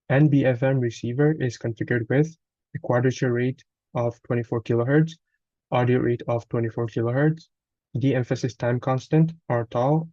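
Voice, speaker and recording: Reading a scripted technical walkthrough aloud, a man with a soft, mellow, mid-range voice sounds like a student giving a report. He's a little halting, with small stumbles and corrections. The recording is very dry, slightly dull, and has no room sound.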